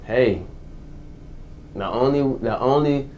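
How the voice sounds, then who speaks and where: A man's voice: medium pitch, slow, darkish tone, dull audio, slight background noise. A man in his twenties answering interview questions casually, with slang and repeated phrases. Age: 20s. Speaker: guest, formerly incarcerated entrepreneur.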